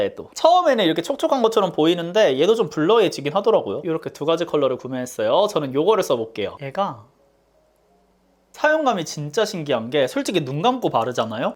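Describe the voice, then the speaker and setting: Animated, chatty Korean-speaking beauty vlogger. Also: mid-range voice. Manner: chatty, talks to self, frequent surprised exclamations. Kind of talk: casual makeup tutorial chat.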